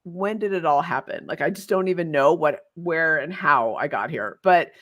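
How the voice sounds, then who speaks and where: Chatty, effusive woman in her fifties, low voice. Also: moderate pace, fairly bright tone, highs cut off. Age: 50s. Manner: chatty and effusive, with many fillers like "like". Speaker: podcast host. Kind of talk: casual interview chat.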